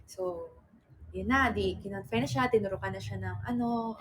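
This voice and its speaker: A woman's voice: mid-range voice, moderate pace, a bit bright, slight background noise, poor audio. Chatty woman livestreaming. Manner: chatty, rambling, full of fillers and self-corrections; reads out viewer comments. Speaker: livestream host. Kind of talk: casual livestream storytelling.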